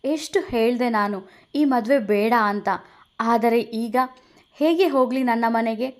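A woman's voice: a little high, measured pace, darkish tone, lightly acted. A woman voicing a young bride who is crying and bitterly reproachful. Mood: tearful. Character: young woman, tearful, angry new bride.

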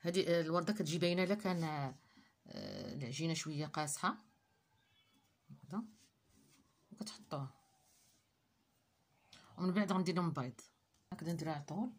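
Low-voiced Moroccan woman showing a recipe. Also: fairly quick, pauses often. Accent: Moroccan Arabic. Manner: talks viewers through each step while working, short phrases. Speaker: cooking channel host. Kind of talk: step-by-step cooking demonstration.

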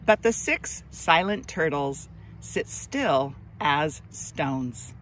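Outdoors on a grassy trail, a woman with a low voice hosts a read-aloud for children, using deliberate, expressive enunciation. She reads a story and talks warmly to the kids, with outdoor ambient noise in the recording.

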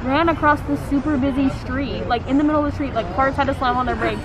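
A woman's voice: high-pitched, fairly even intonation, quick pace, crowd noise. A young woman telling stories in a bubbly way with lots of fillers, chatting casually in a vlog. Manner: bubbly, storytelling, many fillers. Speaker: vlogger. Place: large store, then outdoors at night, then a home kitchen. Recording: dull sound with loud background noise.

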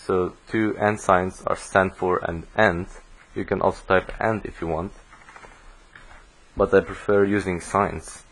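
A man talks through code for a programming course, explaining each step as he types. He speaks very slowly in a lowish voice. The audio quality is poor. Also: breathy edge. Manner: slow, step-by-step explaining while typing code. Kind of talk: screen-recorded coding tutorial.

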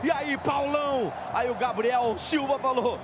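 A man doing live football commentary in an excited, dramatic way. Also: very high voice, a little slow. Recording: broadcast over very loud stadium crowd noise. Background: loud stadium crowd.

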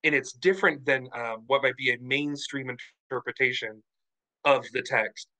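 A man's voice: medium pitch, normal speed, poor audio. A man speaking frankly and animatedly in a casual book club discussion over a video call. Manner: animated, frank, lots of fillers.

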